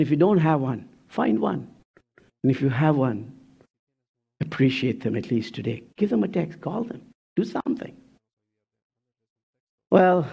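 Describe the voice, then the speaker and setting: A man in his sixties preaching a sermon in an animated way, firing rhetorical questions and swinging between loud and soft. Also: mid-range voice, vocal fry, husky, lo-fi sound. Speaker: pastor.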